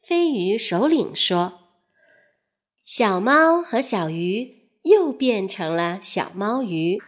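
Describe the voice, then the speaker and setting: Slow, expressive woman reading a children's story. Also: mid-range voice.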